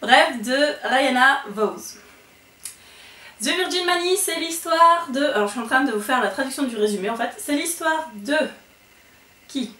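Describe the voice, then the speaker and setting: Animated and fairly quick, her high voice sounds pushed and bright as she rambles through a monthly book wrap-up video, often restarting and using fillers. There's echo in the room, and the mic is some distance from her.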